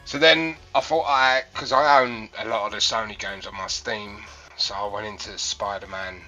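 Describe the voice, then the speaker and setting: A man's voice comes through a thin, tin-can-like cheap microphone on a voice call, sounding bright and edgy, a little lower than most men. He chats loosely and rambles, stopping and restarting sentences with plenty of fillers. Soft music sits faintly underneath. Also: fairly even intonation, moderate pace. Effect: tinny cheap mic, like talking into a tin can, over a voice call. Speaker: livestream guest caller. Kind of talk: casual chat about video games.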